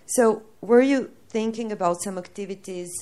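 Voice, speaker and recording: A woman's voice: medium pitch, moderate pace, dark tone. A woman from Serbia, an activist in the audience giving an earnest, emphatic comment and question.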